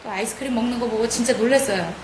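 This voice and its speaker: A woman's voice: a little high, very fast, reverberant, heavy background noise. A woman, a mother, giving an earnest, moved testimony in a video interview. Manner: earnest, moved, recounting her child's change.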